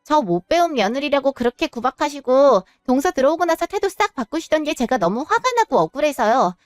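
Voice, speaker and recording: A woman's voice: high-pitched, sing-song, brisk, dry recording, studio quality, faint music behind. A woman voicing a defiant daughter-in-law who speaks with cool, cutting politeness. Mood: coldly defiant. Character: cold, defiant daughter-in-law taking revenge.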